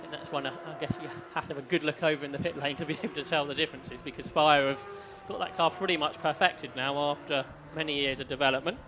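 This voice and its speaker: Man commentating on motorsport, higher-pitched voice. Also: steady tone, fast talker, hardly any pauses, background noise. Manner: follows the action play by play, posing questions. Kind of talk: live race commentary.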